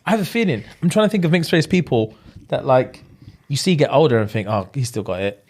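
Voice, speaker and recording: A man, co-hosting a casual podcast and telling stories in an animated, slangy, jokey way. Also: mid-range voice, brisk. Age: late 20s. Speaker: podcast co-host. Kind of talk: casual chat.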